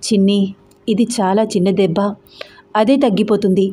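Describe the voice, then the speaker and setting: A woman's voice: medium pitch, steady tone, moderate pace, mellow, close to an everyday voice. A woman doing a pleading tearful young husband. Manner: pleading, emotional.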